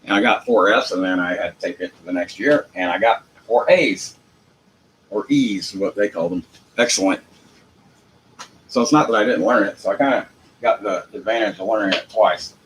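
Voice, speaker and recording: Speaking at a moderate pace with a fairly bright tone, this man's voice sits on the low side. He's a Jacksonville, United States native and amateur legal commentator with a Southern US accent, wandering through a casual, folksy, rough-edged monologue and repeating phrases to drive points home. The low-quality recording picks up noticeable background noise.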